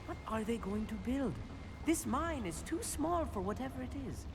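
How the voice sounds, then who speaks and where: An actor playing a young male wizard student in a video game, with calm, measured remarks and crisp spell incantations. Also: very high-pitched, noisy background, heavily acted. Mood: curious. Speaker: player character.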